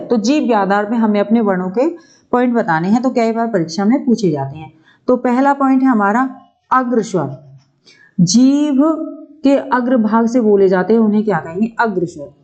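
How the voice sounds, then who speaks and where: A woman's voice: a little high, lively intonation, a little mellow, muffled recording. A woman teacher giving an exam-prep grammar lesson, asking questions and answering them herself, with frequent check-ins to the class. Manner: slow, drawn-out explaining, asks and answers own questions.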